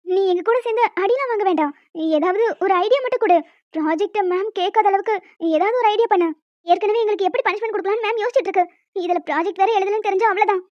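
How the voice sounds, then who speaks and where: A woman's voice: very high voice, fast talker, darkish tone, no room sound. A woman voicing quarrelsome young female college students in a cartoon, bickering and teasing. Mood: worried. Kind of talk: cartoon voice acting. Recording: dull lo-fi dry sound.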